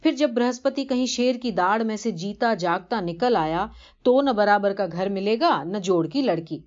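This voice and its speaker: A woman's voice: mid-range voice, expressive, darkish tone, lightly acted. A woman doing an insistent, reproachful wife. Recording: dull lo-fi recording.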